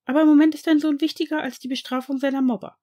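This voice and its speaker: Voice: steady tone, rapid-fire, dark tone, natural voice. A reader doing a strict aristocratic woman. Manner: strict, raised pitch. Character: firm aristocratic woman, caring but strict. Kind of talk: audiobook fan reading.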